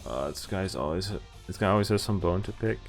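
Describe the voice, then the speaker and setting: Streaming a visual novel, a man with a low voice and a fairly quick pace reads the game's dialogue aloud. He reacts casually and jokingly, with some swearing, as game music plays beneath his voice.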